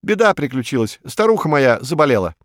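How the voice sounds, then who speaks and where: A man voicing a cheeky trickster rabbit who calls out high and tells sly fibs. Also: big pitch swings, a little fast, no echo, clean studio sound, lightly acted. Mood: sly, mock-sad. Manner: high, bright calling, sly lying.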